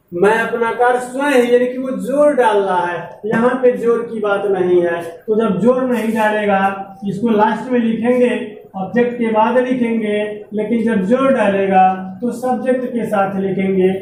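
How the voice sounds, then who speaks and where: A woman teacher giving a classroom grammar lesson, talking slowly, repeating terms and dictating examples word by word. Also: fairly high pitch, a little mellow. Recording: very echoey room, voice far from mic, faint background hum.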